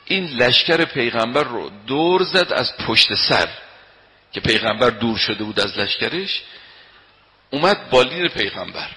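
A man preaching a sermon, telling a story and reciting verses slowly, moving between loud declaiming and quiet narration. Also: mid-range voice, lively intonation. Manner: chants quoted Arabic verses slowly. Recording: long hall reverb.

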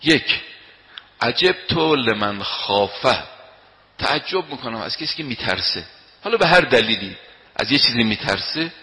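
Forceful preacher in a reverberant hall. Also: male voice, mid-range voice, expressive. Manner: emphatic, swings between loud declaiming and quiet storytelling; chants quoted Arabic verses slowly. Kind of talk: sermon.

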